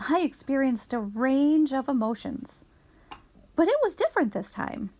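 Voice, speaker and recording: In a high voice, a woman reads a children's picture book aloud to young children, telling the story expressively.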